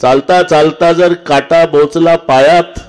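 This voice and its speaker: A man delivers a devotional kirtan sermon, his fairly high voice dropping to hushed asides and then climbing into fervent cries. He fires rhetorical questions straight at his listeners. Faint tabla and instruments sit underneath. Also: steady tone, slow pace, clear, resonant tone, soft background music. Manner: dramatic, swings from low murmurs to high impassioned cries; addresses audience directly with rhetorical questions. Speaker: kirtan preacher.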